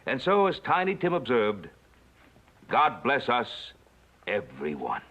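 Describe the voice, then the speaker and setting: A slow, expressive storytelling father. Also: mid-range voice, highs cut off, exaggerated voice. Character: warm patriarch reading to a party. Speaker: father reading a story aloud. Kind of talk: 1960s TV western acting. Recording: party crowd and noisy old TV soundtrack.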